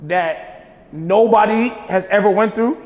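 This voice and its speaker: A man with a high, light voice chats casually as the host of a poetry podcast. He tells stories in a relaxed, slang-heavy way and laughs often. The room is echoey, with a long reverb tail behind him. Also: slow pace, highs cut off. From Jamaica. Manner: laid-back slangy storytelling, laughs often. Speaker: podcast host, spoken word poet. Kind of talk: casual conversation.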